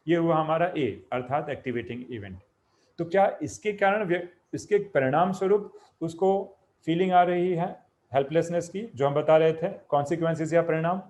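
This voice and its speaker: A man gives an explanatory talk as a spiritual teacher. His voice sits a little higher than most men's. He builds the idea up step by step, glosses each term in plain words, and puts questions to the listener before answering them himself. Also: darkish tone. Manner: explains step by step, repeats terms with Hindi glosses.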